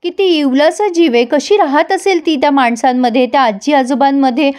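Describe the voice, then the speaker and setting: A woman's voice: sits high, moderate pace, a little mellow, natural voice. A woman voicing a hurt, indignant unmarried daughter who pleads and defends her mother as she retells a TV serial scene. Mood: upset.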